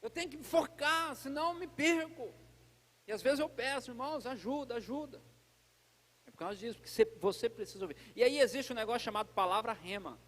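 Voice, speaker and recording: A man with a high voice preaches at a church service in a lively, conversational way, talking straight to the congregation. His voice rings out with a long reverb that hangs in the big hall. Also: fast talker. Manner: lively and chatty, addresses the congregation directly. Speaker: pastor. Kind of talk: conversational sermon.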